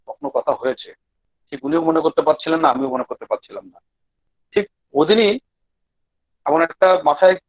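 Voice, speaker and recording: A man from Maharashtra, more at home in Hindi and Marathi, gives a humble devotional talk in halting, less practised Bengali mixed with English words over an online call. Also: a little high, dry recording, narrow, tinny audio. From Maharashtra, India. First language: speaks Hindi and Marathi more readily than Bengali. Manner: humble, deferential. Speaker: guest devotional speaker. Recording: thin band-limited online call audio.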